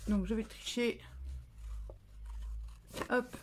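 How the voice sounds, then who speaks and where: Woman talking thru a papercraft tutorial, fairly high voice, keeps tripping over her words and fixing them. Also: fairly even intonation, drawn-out words, slight background noise. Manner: chatty, self-correcting, stumbles over words; scolds and coos at her cat between steps. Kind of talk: casual step-by-step craft tutorial.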